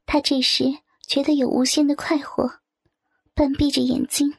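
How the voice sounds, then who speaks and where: High-voiced woman narrating a story. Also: level tone, normal speed, gravelly, dry recording. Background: soft guitar music.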